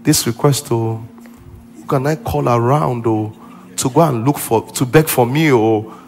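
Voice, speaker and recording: A man acting out an anxious, fearful man who pleads in a hushed, hesitant voice. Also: mid-range voice, unhurried, soft background music, voice pushed down, natural voice.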